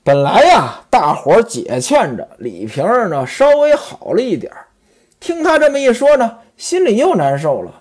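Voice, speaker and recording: Lively storyteller addressing listeners. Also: medium pitch, moderate pace, husky. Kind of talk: storytelling of a classic novel.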